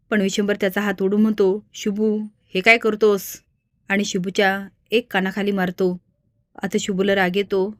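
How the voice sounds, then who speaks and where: A woman narrating a drama recap in an even, steady retelling. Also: mid-range voice, dry recording, clean studio sound. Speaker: storyteller recapping a serial. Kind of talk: scripted story narration.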